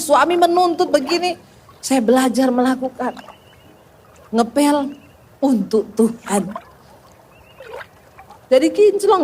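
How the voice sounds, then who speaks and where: A woman's voice: sits high, darkish tone, slight background noise. A middle-aged woman preacher telling a funny story in her sermon and joking with the congregation. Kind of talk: humorous sermon.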